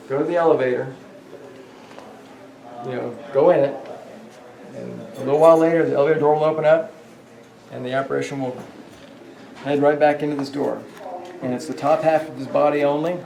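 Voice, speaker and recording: The guide is a man with a warm, creaky mid-range voice, spinning rambling ghost stories through a hotel with many fillers and restarts. Captured far from the mic in an echoing hallway, the audio carries a slight hiss or hum.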